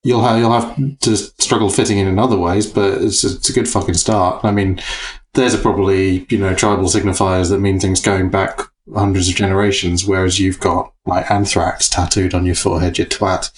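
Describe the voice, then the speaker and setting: Deep-ish voiced bloke, blunt and sweary, casual podcast banter. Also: male voice, level tone, moderate pace. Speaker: podcast co-host. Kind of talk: casual comedic chat.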